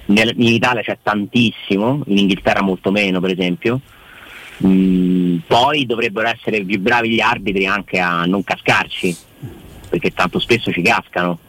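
A man's voice: on the low side, normal speed, fairly bright tone, rough recording. A man giving casual football commentary as a co-host, opinionated and repeating words for stress.

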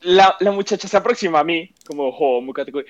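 A man's voice: high-pitched, fast talker. A young man telling a story to friends in casual chat, acting out quotes and swearing freely. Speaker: podcast co-host. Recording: dull lo-fi sound.

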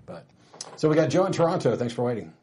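A man hosting a call-in show, telling stories in a wry, relaxed way with plenty of fillers, turning emphatic when he argues a point. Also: on the high side, fast. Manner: grows emphatic and lively when arguing. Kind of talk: casual call-in talk.

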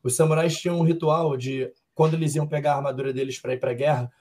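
A young Brazilian man, a fighter being interviewed, who answers in a calm, reflective and philosophical way. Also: a little high, fast talker. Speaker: MMA fighter guest.

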